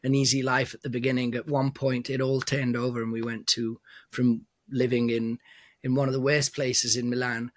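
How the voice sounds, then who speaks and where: An Italian man in his forties, a DJ and producer, chats casually as a guest in an interview, hesitating, restarting often, using fillers, and laughing a lot. His mid-range voice is delivered flatly at normal speed, with no echo.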